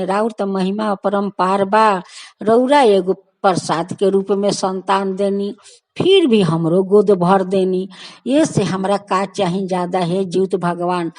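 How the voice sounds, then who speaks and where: A woman's voice: mid-range voice, darkish tone. A woman with a Bhojpuri accent narrating a devotional folk tale in a sing-song storytelling way, voicing the characters' prayers herself.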